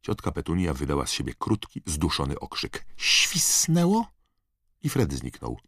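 A man narrating an audiobook in expressive storytelling style. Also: a bass voice, brisk, husky, dry recording, studio quality. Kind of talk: scripted narration.

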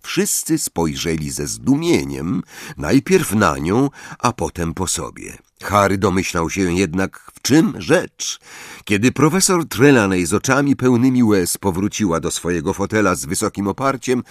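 A male audiobook narrator with a low voice that swings widely in pitch as he reads. He reads expressively and takes on every character himself. The recording is dry, with no room sound. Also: measured pace, no room sound. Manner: expressive, acts out all the characters. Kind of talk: scripted narration of a novel.

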